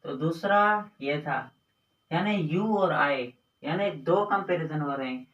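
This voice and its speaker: A male teacher with a high voice explains grammar slowly and patiently, stretching out words and repeating points. He sounds set back from the mic, and the room gives his voice a roomy echo. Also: fairly bright tone, dull audio. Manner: slow, repetitive explaining with drawn-out words. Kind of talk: Hindi grammar lesson on English adjectives. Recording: echoey room, voice from a distance.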